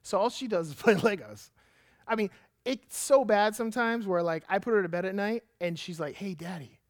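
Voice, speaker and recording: A man in his thirties, a pastor, preaching a sermon and telling a lively personal story with emphatic delivery. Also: high voice, moderate pace, dry recording, studio quality.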